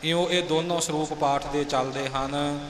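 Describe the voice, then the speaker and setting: A man's voice: a little high, fairly even intonation, measured pace, slight background noise. A man teaching how to pronounce scripture correctly, mixing explanation with sung lines. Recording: echoey hall.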